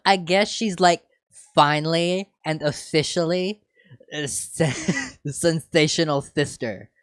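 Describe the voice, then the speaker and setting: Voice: mid-range voice, takes it slowly, clear, resonant tone, no echo, clean studio sound, pitched above the performer's own voice, close to an everyday voice. A reader voicing a squealing teenage valley girl who gushes and says "like" constantly, in a fan fiction read-along. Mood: gushing. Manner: gushing with constant "like".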